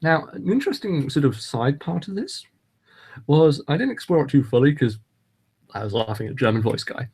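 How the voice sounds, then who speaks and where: A man's voice: a little high, very animated, normal speed, darkish tone, slightly rough. A man hosting a casual podcast, rambling and hesitant with frequent ums and restarts. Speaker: podcast host. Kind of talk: casual chat.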